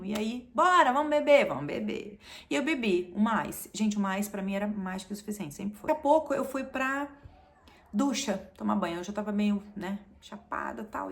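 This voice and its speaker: A woman in her forties from Brazil, telling a personal story to camera in a chatty, confessional way and acting out the lines she quotes. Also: mid-range voice. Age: 40s. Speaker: vlogger.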